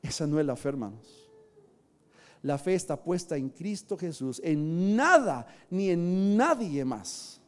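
A man preaching a sermon, telling stories dramatically and swinging between hushed and loud delivery. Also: fairly high pitch, very animated, slow.

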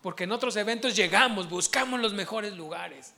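Male preacher, high pitched, animated, questioning the congregation. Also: brisk, vocal fry. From Mexico. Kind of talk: sermon.

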